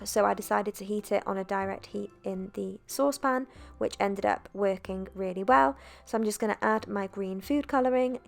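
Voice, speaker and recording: A young woman narrating a cooking video in a chatty, relaxed voice-over, with self-deprecating asides. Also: mid-range voice, gravelly. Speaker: cooking vlogger.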